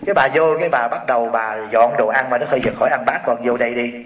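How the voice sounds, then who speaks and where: A man with a Southern Vietnamese accent telling a Buddhist story as a sermon, animated and addressing the audience directly. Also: medium pitch, rapid-fire, noisy background. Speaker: Buddhist preacher. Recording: roomy hall, distant mic, dull sound.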